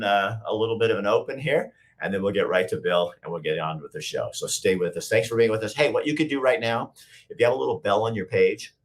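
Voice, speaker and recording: A slightly hoarse man hosting a live talk show, joking and rambling casually with fillers. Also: deep voice.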